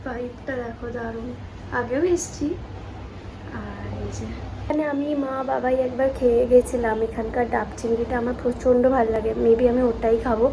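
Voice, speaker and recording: High-voiced young kolkata woman vlogging, bengali accent, english words thrown in, echoey room. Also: steady tone, moderate pace, background noise. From Kolkata, India. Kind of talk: casual vlog chat. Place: home rooms and a restaurant.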